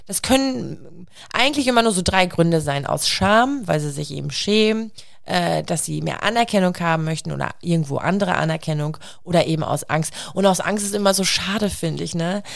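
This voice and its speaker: A woman's voice: fairly low pitch, animated, fairly quick, gravelly. A woman in her thirties, a mother of young children, chatting casually and animatedly quoting her son. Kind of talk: casual podcast conversation.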